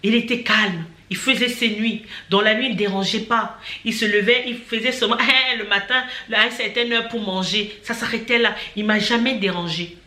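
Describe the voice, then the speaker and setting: Young woman, animated testimony with restarts; very bright, high voice. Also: moderate pace. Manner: animated, restarts often, invokes God. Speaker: vlogger telling her childbirth story. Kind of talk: personal testimony. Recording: echoey room.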